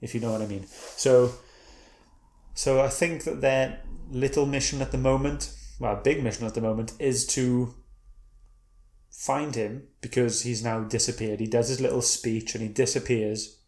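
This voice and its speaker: A man chatting his way through a comic book review, wandering from point to point and restarting his sentences as he goes. His voice sits at an ordinary middle pitch. The room around him is bare and echoey. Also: fairly even intonation, normal speed, darkish tone. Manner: meandering, self-correcting retelling. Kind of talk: casual read-and-review chat.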